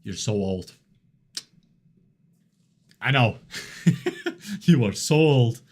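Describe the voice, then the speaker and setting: A man in his early twenties casually chats with his live-stream audience, reading chat messages and rambling loosely, often chuckling and leaning on fillers like "like" and "you know." His voice is middle-pitched, husky and darkish, with big pitch swings and drawn-out words.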